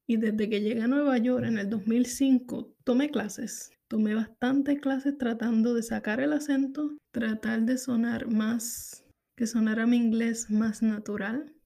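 A Puerto Rican woman in her thirties talks candidly to her podcast listeners, thinking out loud and repeating herself as she goes. Her voice sits a little high but has a dark, mellow tone with a gravelly edge. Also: fairly even intonation, unhurried. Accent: Puerto Rican Spanish. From Puerto Rico. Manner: candid, reflective, repeats phrases. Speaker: podcast host. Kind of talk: personal monologue.

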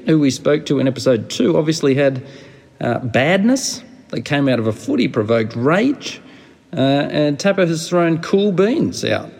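A man's voice: mid-range voice, creaky, darkish tone, long reverb tail. A man hosting a podcast in a casual, informal and slangy way. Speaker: podcast host.

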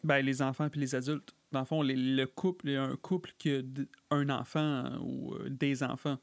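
A man's voice: medium pitch, flat delivery, normal speed, gravelly, no echo. A man with a Quebec French accent chatting casually about a film, chiming in and dropping English phrases. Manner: chimes in, sprinkles English phrases.

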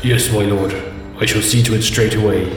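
A man's voice: lowish voice, fairly even intonation, moderate pace, recorded from a distance, soft background music. Man doing a quavering dwarf messenger in cave echo. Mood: eager. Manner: quavering, deferential. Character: nervous male dwarf messenger. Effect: heavy cave-like echo. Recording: long echoing reverb, faint noise.

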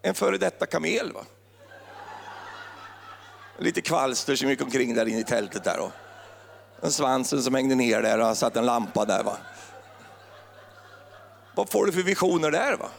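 A man's voice: medium pitch, sing-song, vocal fry, pauses often, in a large hall. A man preaching a sermon in a playful, joking way, full of wordplay. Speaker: pastor.

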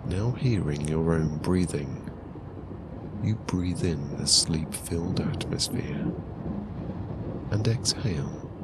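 A man narrating a guided sleep story in a calm, soothing, hushed voice with long pauses. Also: deep voice, very noisy.

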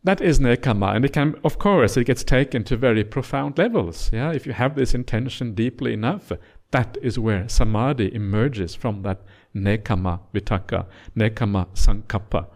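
This middle-aged man from Norway, a native Norwegian speaker, is a monk giving a gentle, teasing dharma talk on retreat. His mid-range voice moves at normal speed with hardly any pauses, though he uses many uhs and yeahs.

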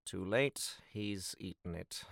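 A man's voice: low voice, slow, creaky, a bit bright, dry recording, exaggerated voice. A man voicing a polite, weary robot butler who answers his master formally, with dry sarcasm. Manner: formal, deferential, dryly sarcastic. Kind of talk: comedic audio drama acting.

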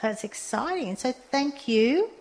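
A woman's voice: high-pitched, lively intonation, measured pace, a little mellow. A woman co-hosting a radio talk show, chatty and enthusiastic.

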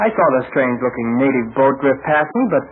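An actor playing an earnest, self-blaming young American adventurer in a boyish 1940s radio serial style. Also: male voice, medium pitch, quick pace, lightly acted. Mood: self-reproachful. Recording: tinny, noisy 1940s radio recording.

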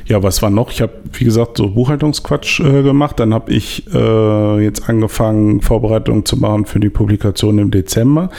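A man with a gravelly edge to his voice talks about his work in a loose, casual chat. He rambles, restarts his sentences and leans on fillers as he goes. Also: fairly low pitch, steady tone, a little fast, few pauses, warm tone. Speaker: photographer and podcast co-host.

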